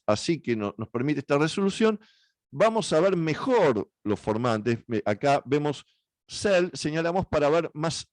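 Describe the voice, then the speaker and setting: Hesitant Argentine man teaching software. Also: fairly high pitch, no echo, studio quality. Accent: Argentine Spanish. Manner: hesitant, many fillers and self-corrections. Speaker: workshop instructor. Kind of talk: software tutorial walkthrough.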